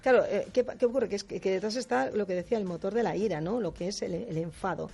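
A woman with a gravelly, creaky voice talks as a radio guest in a lively, explanatory way. She keeps tossing in short tag questions and slips into acted quotes. Her pitch sits in a middle range. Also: fast. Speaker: guest speaker on difficult personalities. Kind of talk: radio talk chat.

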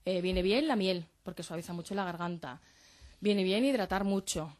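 A woman on a radio show explaining how to care for the voice, now and then demonstrating whispers and pitch changes. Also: normal speed, a little mellow. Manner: demonstrates voice techniques, whispering examples. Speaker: voice coach guest. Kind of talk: radio chat giving vocal advice. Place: radio studio.

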